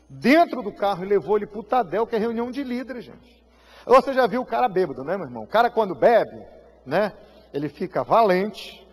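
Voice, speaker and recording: A Brazilian man preaches in a high voice that carries a long reverb through a church hall. He tells his story with strong feeling, acting out the voices and rising to shouts at the peaks. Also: slightly rough. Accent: Brazilian Portuguese. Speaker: pastor. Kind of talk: sermon.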